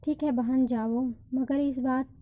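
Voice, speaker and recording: A kind young sister-in-law with an apologetic manner, played by a woman reading the story. Her voice is mellow and dark. She speaks slowly. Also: high voice, steady tone, rough recording.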